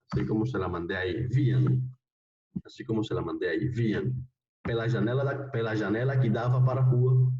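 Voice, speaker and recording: A man's voice: lowish voice, mellow, reverberant, recorded from a distance, lo-fi sound. A man teaching an online Portuguese class, patiently repeating phrases and checking with his students as he goes.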